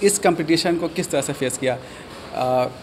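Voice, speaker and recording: A male reporter asks measured questions in an indoor corridor, pausing with fillers. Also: fairly high pitch, darkish tone, a little hiss or hum. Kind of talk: news interview. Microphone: handheld mic.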